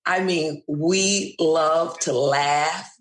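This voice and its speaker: A woman in her sixties, a retired math teacher, chatting as a guest in a relaxed, thoughtful way with many pauses. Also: sits low, echoey room. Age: 60s. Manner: slow, thoughtful, with fillers. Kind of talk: casual interview chat.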